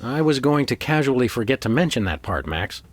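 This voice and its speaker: An actor playing an earnest, wry male dog detective in a comic cartoon game, with a deadpan manner. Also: mid-range voice, a little fast, soft background music, natural voice.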